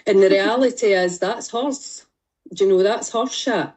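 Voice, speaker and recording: A fitness and mindset coach with a Scottish accent guides a group through exercises on a video call, speaking directly and reassuringly. Her voice is medium in pitch and a little mellow, at a moderate pace.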